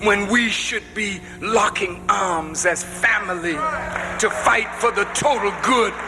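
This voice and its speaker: Male preacher mid-sermon, slow and emphatic, rising to shouts, big reverberant hall. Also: sits high, over music. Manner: addresses the congregation directly. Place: large hall before a congregation. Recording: long reverb of a large hall.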